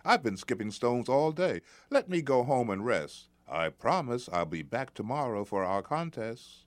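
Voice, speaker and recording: A man's voice: medium pitch, sing-song, unhurried, no echo, pitched above the performer's own voice. A man voicing a clever young village boy who talks eagerly in a raised voice. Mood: pleading.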